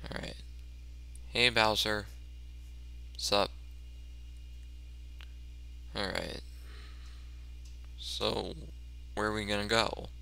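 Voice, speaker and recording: A man's voice: on the low side, very slow, creaky, long pauses. A man giving casual, self-mocking commentary over a video game, stammering and restarting often. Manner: excited yelps during tense moments. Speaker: let's play commentator.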